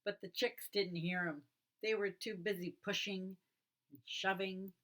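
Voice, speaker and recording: A woman teacher reading a children's picture book aloud in an expressive storytelling way. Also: mid-range voice, measured pace.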